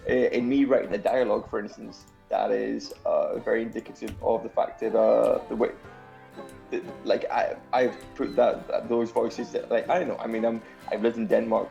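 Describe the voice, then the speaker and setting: A Scottish man with a gravelly, creaky voice, talking as a guest in a loose, rambling way. His pitch sits in the middle range, and faint music plays underneath. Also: warm tone, dull audio. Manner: rambling, many fillers and restarts, laughs easily. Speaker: game developer guest. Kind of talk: casual chat.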